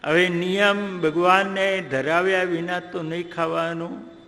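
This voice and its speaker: A man narrates a devotional tale, now and then chanting verses in song. His voice is high for a man and gravelly, and he speaks slowly. A long reverb fills the hall around him. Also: little pitch movement, sharp tone. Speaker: religious storyteller.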